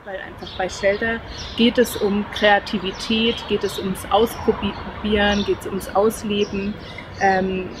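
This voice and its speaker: A woman from the youth project, calmly explaining it in an outdoor courtyard interview on a lapel mic. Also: medium pitch, unhurried, noisy background. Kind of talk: documentary interview.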